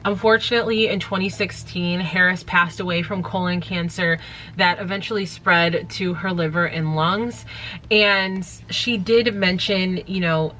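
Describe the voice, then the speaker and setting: A woman in her thirties telling a story to her YouTube audience, chatty and full of self-mocking jokes. Her voice sits a little low but sounds crisp and bright, with a faint hum of room noise. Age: 30s. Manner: chatty, joking, self-deprecating asides. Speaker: YouTube host. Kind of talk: casual storytime commentary.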